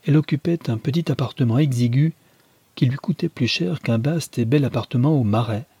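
A man reading a classic novel aloud in measured, even scripted narration. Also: mid-range voice, breathy edge, no echo. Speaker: audiobook reader.

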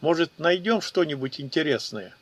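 A man's voice: fairly high pitch, animated, normal speed, no echo. A man voicing a cool, mocking male battle mage who commands the group. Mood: casual. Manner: dry, mocking.

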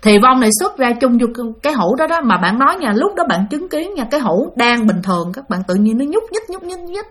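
Woman storyteller, high-pitched, chatty with fillers. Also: very animated, a little fast, few pauses, a bit bright. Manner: chatty, many fillers, addresses listeners. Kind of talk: spoken ghost-story narration.

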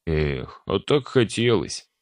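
A man's voice: low-pitched, big pitch swings, takes it slowly, no echo, clean studio sound, heavily acted. A man voicing a cheeky, whiny young necromancer who jokes and complains with mock indignation.

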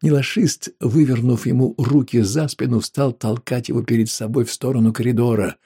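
A man narrating an audiobook in a measured, grave way. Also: mid-range voice, fairly even intonation, dark tone, husky.

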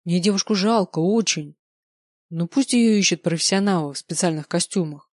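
A woman voicing a concerned older father who talks gently and persuasively, in a dry recording. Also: fairly low pitch, normal speed, no echo, natural voice. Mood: coaxing.

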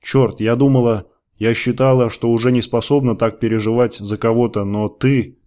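A man reading the lines of a worried, loving woman who gently pleads with her lover in an audiobook. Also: mid-range voice, steady tone, normal speed, lightly acted. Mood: tender.

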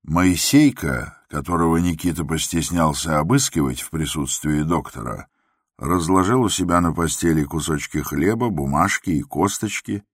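A man narrating a classic novel as an audiobook reader, in a measured, even delivery. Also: a bass voice, husky, no echo, clean studio sound. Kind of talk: scripted literary narration.

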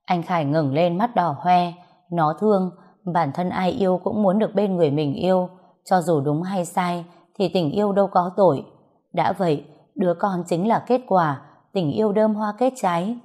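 A woman's voice: fairly low pitch, normal speed, warm tone. A woman reading a story aloud as scripted narration, voicing all the dialogue in her own voice.

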